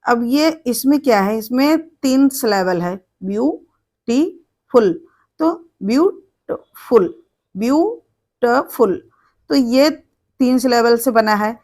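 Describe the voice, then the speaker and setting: A woman's voice: on the high side, animated, measured pace, darkish tone. A woman teaching English grammar, explaining rules step by step, spelling words letter by letter and repeating them. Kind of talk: board lesson, explaining step by step.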